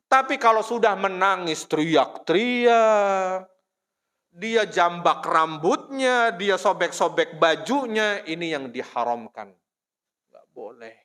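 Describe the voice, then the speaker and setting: Male mosque lecturer from Indonesia, high bright voice, chatty storytelling delivery. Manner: storytelling, addresses listeners as "Pak", frequent "ya". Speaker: preacher.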